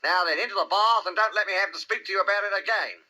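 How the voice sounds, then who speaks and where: A man's voice: high voice, lively intonation, normal speed, sharp tone, pitched above the performer's own voice, exaggerated voice. A man voicing a motherly kangaroo in a storybook reading, fussy and coaxing but firm. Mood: severe. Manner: fussy, coaxing, mildly severe.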